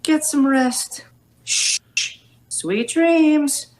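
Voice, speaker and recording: Woman playing a slow, sleepy slacker boy. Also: high-pitched, a little mellow. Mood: drowsy calm. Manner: drowsy, languid, often breathy and murmured. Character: sleepy, laid-back, unbothered young slacker boy. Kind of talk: video game character catchphrases.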